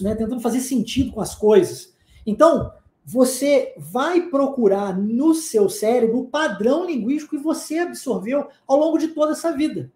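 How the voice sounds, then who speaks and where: A man's voice: very high-pitched, dark tone. Emphatic Brazilian man teaching English. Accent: Brazilian Portuguese. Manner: emphatic, repetitive, checks in with tag questions. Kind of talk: explanatory online lesson. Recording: roomy echo.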